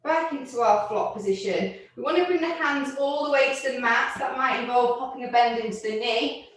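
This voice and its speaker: A woman's voice: a little high, a little fast. A woman fitness instructor cueing moves and counting reps, out of breath at times. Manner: counts reps and cues moves, gently encouraging. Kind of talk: exercise class instruction. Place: room with barre and mats. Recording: echoey room, voice from far off.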